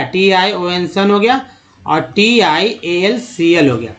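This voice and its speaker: A man teaching a spoken lesson over slides. He explains step by step, repeats words slowly and calls his viewers friends. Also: a little high. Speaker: English teacher.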